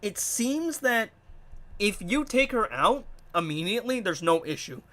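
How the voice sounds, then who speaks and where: His voice sits high and unhurried as this stuffy, nasal young YouTuber chats about his own gameplay. The manner is animated, puzzled and rambling.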